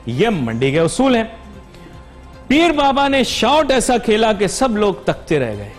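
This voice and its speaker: A man's voice: high voice, wildly swooping pitch, slow, faint music behind. A man with a Pakistani Urdu accent hosting a business TV show, mocking and sarcastic in a monologue before interviewing a guest over a studio mic. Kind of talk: satirical monologue then interviewing.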